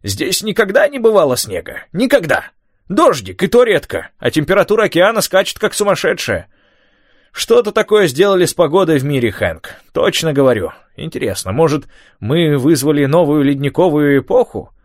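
A man reads an old man full of loud, excited chatter, his voice jumping up high and carrying strongly. He rambles on, exclaiming, pitch swinging widely, in a dry, close audiobook recording. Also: measured pace, no room sound, heavily acted. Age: older. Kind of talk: audiobook character voice.

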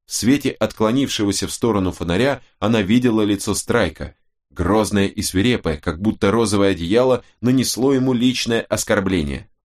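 Deep-voiced male audiobook narrator. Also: a little fast.

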